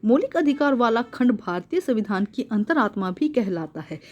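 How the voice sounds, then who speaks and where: Working from a worksheet, a fairly high-voiced woman reads every point aloud before re-explaining it in simpler terms with English words sprinkled in. Her delivery is sing-song at a normal pace, her tone darkish, and the recording's highs are cut off.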